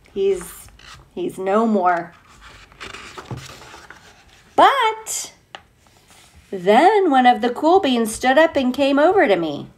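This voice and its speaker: A woman teacher reads a picture book aloud to young children at a medium pitch. Her reading is expressive and playful, broken up by gushing, chatty asides.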